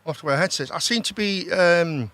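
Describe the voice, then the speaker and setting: Higher-pitched British bloke streaming casually. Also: male voice, brisk, pushed and bright. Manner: informal, repeats himself, ends on tag questions. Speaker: host. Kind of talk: casual livestream chat.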